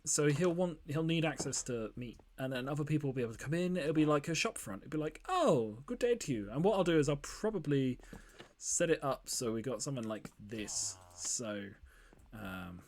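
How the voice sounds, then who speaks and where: A man's voice: medium pitch, moderate pace, a little mellow, slight background noise. A man giving casual, rambling commentary while he builds in a game, with lots of ums and asides. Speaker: let's play host.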